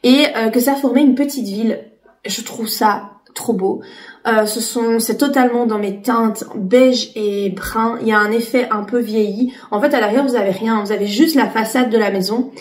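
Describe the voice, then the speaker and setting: A woman in her late thirties talks casually to her camera, with a fairly high voice. She chats loosely, full of fillers and restarts. The room echoes around her. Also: moderate pace, a little mellow. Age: 30s. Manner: chatty, many fillers and restarts. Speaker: vlogger. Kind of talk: casual chat.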